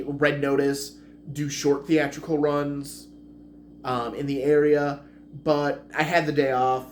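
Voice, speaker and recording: A man's voice: mid-range voice, slight background noise. A man giving a casual spoken movie review, rambling and correcting himself as he goes. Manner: rambling, self-correcting, chatty.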